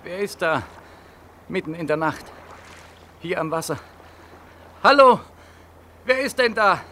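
An actor playing a desperate young soldier back from the war, agitated and defiant, in a 1940s radio drama. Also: male voice, a little high, steady tone, a little slow, a bit bright, slight background noise.

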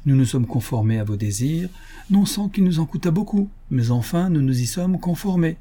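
A principled older country doctor stands his ground in firm, emphatic phrases, read by a man narrating a novel. The voice is husky and mellow-dark. He sounds indignant but controlled. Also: a little high, expressive, moderate pace, voice pushed up.

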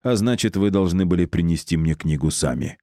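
A man's voice: low-pitched, expressive, fairly quick, mellow, no echo, clean studio sound. A man voicing a sneering necromancer. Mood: mocking. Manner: mocking, condescending, insulting. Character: sneering male necromancer, arrogant, cruel.

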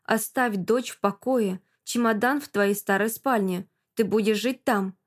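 A woman reading an audiobook, voicing a curt, domineering man who gives slow, flat orders. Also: medium pitch, natural voice. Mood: commanding.

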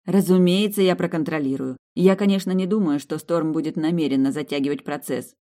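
A woman's voice: low-pitched, a little fast, mellow, lightly acted. A narrator voicing a young woman doctor, flustered and eager to please, pleading and apologetic in an audiobook. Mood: relieved, playful.

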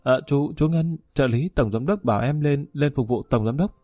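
A man's voice: mid-range voice, rapid-fire, dark tone, no echo, studio quality, faint music behind, close to an everyday voice. A man voicing an eager, anxious young male bank security guard who pleads in a jumpy way.

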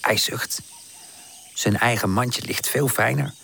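Slow, gently expressive woman storyteller. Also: extremely low pitch, vocal fry, slight background noise. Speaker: audiobook narrator. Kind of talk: children's storybook narration.

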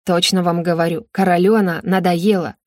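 A woman voicing a gossipy young castle maid with a mocking, excited manner. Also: fairly low pitch, a little fast, no echo, studio quality, close to an everyday voice.

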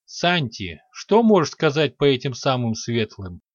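Brief: male narrator as a calm agreeable mage in a fantasy story. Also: medium pitch, unhurried, no room sound, dull audio. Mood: thoughtful.

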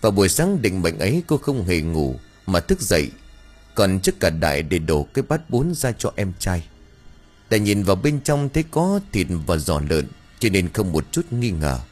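A man reads an audiobook horror story with dramatic, expressive storytelling. His voice is very low and husky, his intonation swings widely, and faint music plays underneath. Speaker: audiobook narrator.

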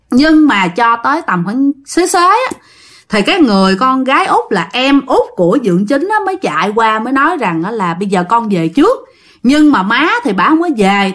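Southern vietnamese lady chatting through a ghost story, lively up-and-down voice, talks right to the listeners. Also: a little high. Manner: chatty, addresses listeners directly; acts out characters' lines in quotes. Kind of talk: casual spoken ghost story narration.

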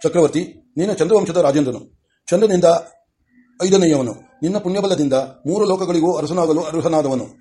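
A man voicing a wise, stately male teacher of the gods, in a measured, formal audiobook reading. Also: on the high side, dark tone, close to an everyday voice.

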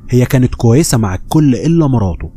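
Mellow Egyptian man narrating horror. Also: medium pitch, quick pace, faint music behind. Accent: Egyptian Arabic. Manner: steady storytelling, voicing quoted people. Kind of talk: scripted horror story narration.

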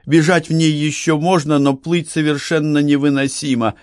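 A woman's voice: deep voice, fairly even intonation, normal speed, darkish tone, no echo, pitched above the performer's own voice, lightly acted. A frightened young woman, as a male narrator voices her, speaks in a raised, strained register well above his own. She sounds urgent and near tears throughout. The recording is dry and close, like a storybook reading. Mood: tearful. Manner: urgent, breathless pleading. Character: distraught young woman fleeing Romans.

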